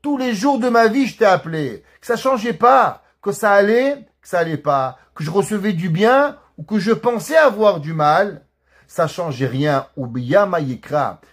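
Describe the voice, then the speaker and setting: A rabbi teaches a recorded religious class in a high-pitched voice. He tells a story with lively turns and acts out the dialogue as he goes. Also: normal speed, slightly rough.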